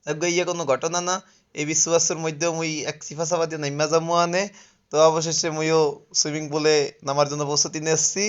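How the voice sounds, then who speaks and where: A man's voice: a little high, level tone, fast, clear, resonant tone, highs cut off. A man from Barishal with a Barishal accent, casually narrating a travel vlog at a resort, joking and chatty, often checking that listeners follow him. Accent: Barishal dialect of Bengali. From Barishal, Bangladesh. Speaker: vlogger. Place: outdoor resort with swimming pool.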